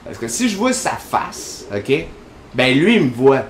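A man's voice: mid-range voice, very animated, measured pace. Man, quebec french accent, gameplay commentary, rambling and chatty, echoey room, faint hiss. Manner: chatty, rambling, full of fillers. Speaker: gaming channel host.

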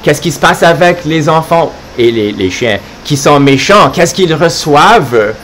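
A man's voice: on the high side, lively intonation, unhurried, a bit bright, a little hiss or hum. A man teaching French to children, reading a holiday storybook aloud live and stopping to explain words in English.

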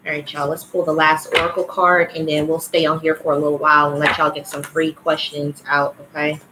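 A woman's voice: low-pitched, flat delivery, fairly quick, background noise. A woman giving a casual, blunt livestream oracle card reading who swears freely and calls her listeners child and y'all. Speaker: spiritual card reader.

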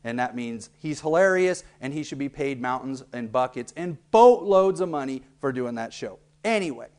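A man's voice: medium pitch, lively intonation, normal speed, darkish tone. A man hosting a local cable TV segment, explaining things in a playful, joking way. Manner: jokey, playfully exaggerated delivery. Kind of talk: humorous explainer monologue.

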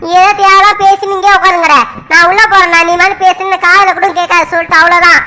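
A woman's voice: very high voice, level tone, fast, pushed and bright, a little hiss or hum. A woman voicing a stern, bossy young village woman who scolds her younger brother. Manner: scolding, lecturing. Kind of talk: cartoon voice acting.

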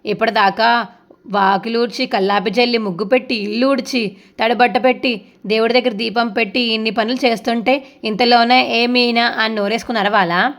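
A woman voicing a sharp-tongued, scolding middle-aged mother-in-law in a retold serial. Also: on the high side, fairly even intonation, moderate pace, close to an everyday voice. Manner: nagging, shouting.

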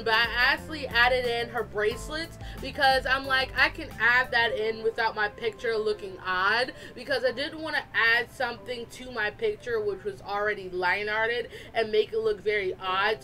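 A woman artist giving a chatty, animated, self-deprecating casual voice-over for a drawing video. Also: fairly high pitch. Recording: fan blowing nearby, slightly distorted, music behind. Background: music and a fan running.

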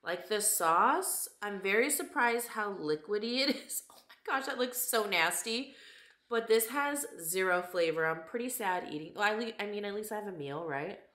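Holding the camera at arm's length, a woman in her thirties vlogs casually from her home kitchen and living room, candid and quick to laugh. A cold has left her mid-range voice slightly raspy, though it stays bright, forward and expressive at a normal speed. The room echoes audibly.

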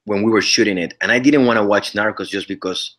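Speaking fast in a voice on the low side with a bit of brightness, a Mexican man in his thirties talks English as a second language with a Mexican Spanish accent. He's an actor guest in a casual interview chat, joining by webcam video call from his living room. He sounds earnest and keeps restarting his sentences.

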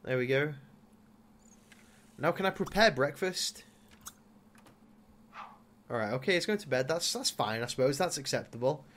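A young man casually commentating a life-sim game, chatting to his character and breaking into loud exclamations. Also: medium pitch, animated, normal speed, long pauses. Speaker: gaming YouTuber. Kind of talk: casual Let's Play commentary.

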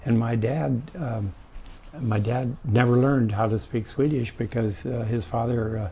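An older man telling stories from his life in an interview, halting often with fillers. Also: medium pitch, steady tone, vocal fry, slightly rough, highs cut off. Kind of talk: casual storytelling.

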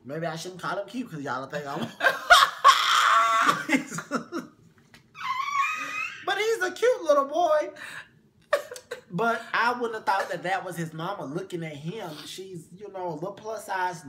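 Male co-host, sassy and profane, casual gossip chat, bright tone. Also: high-pitched, normal speed, few pauses, slight background noise. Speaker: vlog co-host.

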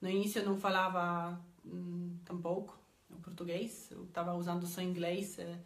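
A woman with a voice on the low side speaks at normal speed in a level tone, with roomy sound. A Polish-accented language teacher in her thirties from Poland, she's making a casual vlog on her phone in a small indoor room, hesitating with many "eh" fillers and repeating words.

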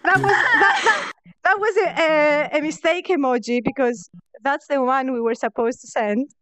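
Hesitant high-voiced woman. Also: moderate pace, a bit bright, a little hiss or hum. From Greece. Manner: hesitant, repeats words, laughs often. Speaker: event host. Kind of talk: casual live-stream chat. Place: online virtual world event, home mic.

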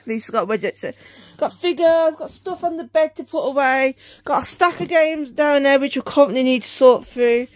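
A woman's voice: high-pitched, moderate pace, dry recording. A young British woman co-hosting a casual collection vlog at home, chatty and rambling, often correcting herself. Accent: British English. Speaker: channel co-host. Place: home room with game shelves.

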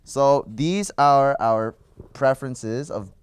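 A man's voice: mid-range voice, slow, clear, resonant tone. A man on a podcast as a guest music producer, chatting in a laid-back, slangy way and laughing easily. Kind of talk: casual chat.

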